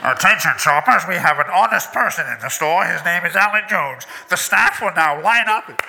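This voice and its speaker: A man's voice: high-pitched, expressive, moderate pace, creaky, a little hiss or hum, full character voice. A man doing a store intercom announcer. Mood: announcing. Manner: loud, announcing, slightly distant. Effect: mock store intercom announcement. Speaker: pastor.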